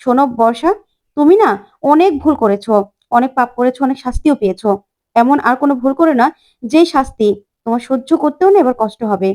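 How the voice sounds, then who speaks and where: A woman's voice: high voice, lively intonation, fairly quick, a little mellow. A woman voicing a stern, preachy elderly grandmother in a retold family serial. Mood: scolding. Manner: lecturing, moralizing.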